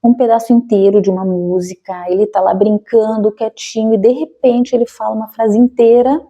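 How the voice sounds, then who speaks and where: Mellow-voiced woman explaining to parents. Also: fairly high pitch, steady tone, brisk. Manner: conversational, frequent tag questions. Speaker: educational psychologist.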